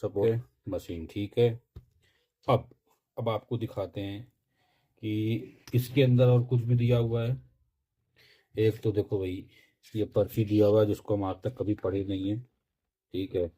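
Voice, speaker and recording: Low husky guy doing a chatty unboxing review, jokey. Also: fairly even intonation, unhurried, pauses often, dark tone. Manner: chatty, jokey, keeps saying "theek hai". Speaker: product reviewer.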